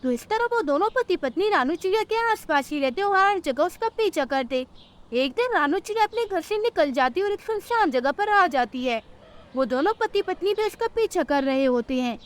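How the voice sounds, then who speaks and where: A woman narrating a children's cartoon story in a plain, steady way. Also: very high-pitched, normal speed.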